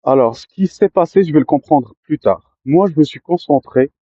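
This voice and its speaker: A man telling his own life story to listeners, often pausing with fillers and restarting his sentences. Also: on the high side, animated, slightly rough, no room sound, muffled recording. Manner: hesitant, many fillers and restarts. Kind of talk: personal storytelling to camera.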